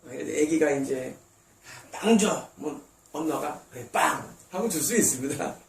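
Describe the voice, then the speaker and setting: Higher-pitched Korean pastor preaching in a roomy hall. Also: male voice, brisk, gravelly, slight background noise. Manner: emphatic preaching, voicing God and congregants in quoted asides. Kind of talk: sermon. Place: church sanctuary. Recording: roomy distant church recording.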